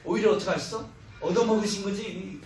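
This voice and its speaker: Jokey preacher in an echoey church hall. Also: male voice, high voice, fast talker, darkish tone, a little hiss or hum. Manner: humorous storytelling, acting out quoted lines. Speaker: missionary preacher. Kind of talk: sermon. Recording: echoey hall, heard from far off.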